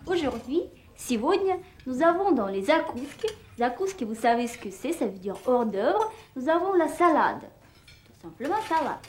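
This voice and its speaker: High, lively-voiced woman teaching vocabulary. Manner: clear, spells words out slowly for learners. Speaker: Russian teacher. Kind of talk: scripted language lesson.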